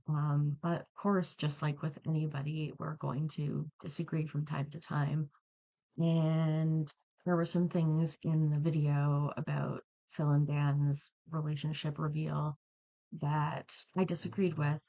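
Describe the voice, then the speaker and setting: Woman vlogger, low and warm, rambling earnest commentary, slightly muffled recording. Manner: chatty, digressive and earnest. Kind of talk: casual commentary to camera.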